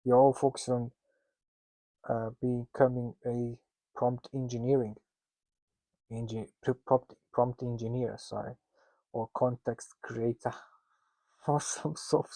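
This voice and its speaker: Poor audio with no room sound captures a man with a Russian accent instructing founders. His mid-range voice is steady and dark in tone. Joking and self-deprecating, he drifts into asides and speaks haltingly, restarting often and using many fillers.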